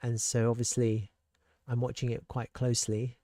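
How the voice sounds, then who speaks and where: A man's voice: mid-range voice, little pitch movement, moderate pace, dark tone, dry recording, studio quality. A man giving casual, thinking-aloud commentary on crypto charts and world events, with rhetorical asides and frequent restarts. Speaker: crypto market analyst.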